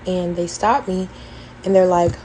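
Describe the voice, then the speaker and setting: A woman's voice: lowish voice, steady tone, unhurried, warm tone, slight background noise, low-quality recording. A young woman earnestly recounting her college experience in a storytime vlog, detailed and full of fillers. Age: young adult. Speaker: former college band member telling her story.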